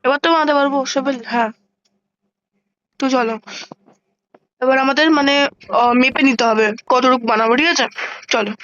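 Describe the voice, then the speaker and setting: Woman, high voice, casual gameplay commentary, chatty, counts out loud, dull lo-fi mic. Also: steady tone. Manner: chatty, thinks aloud and counts blocks out loud; quick exclamations and mild swearing when surprised. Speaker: gaming channel host.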